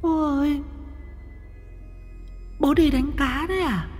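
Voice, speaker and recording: A man's voice: very high-pitched, slow pace, long reverb tail, soft background music, voice pushed up. A man voicing the ghost of a drowned young girl, plaintive and coaxing, in a told ghost story. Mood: eerie pleading.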